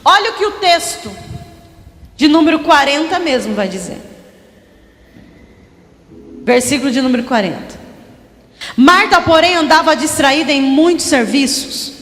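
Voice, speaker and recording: A woman from Brazil preaches a sermon as a missionary in a very high, bright voice. She is animated, acts out the quoted lines and calls on the congregation to respond. The sound rings with the long reverb of an echoey church hall. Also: a little slow, long pauses.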